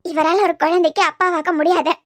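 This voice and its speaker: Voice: very high-pitched, fairly even intonation, brisk, fairly bright tone, no room sound. A voice artist playing a tearful, stubborn young wife in a cartoon serial, with a Kanyakumari Tamil accent. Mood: defiant. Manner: pleading yet stubborn.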